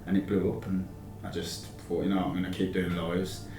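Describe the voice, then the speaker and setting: A man's voice: sits low, level tone, brisk, noisy background. English man chatting, roomy and distant. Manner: informal, matey, rambling. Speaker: podcast guest, live-streamer. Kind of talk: casual interview chat, telling anecdotes. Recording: roomy, distant sound with music behind.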